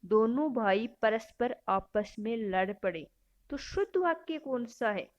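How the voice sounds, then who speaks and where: Lady teacher reading out quiz options then explaining the answer, talks slow. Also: on the high side, lively intonation. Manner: self-correcting. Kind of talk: exam-prep grammar lesson.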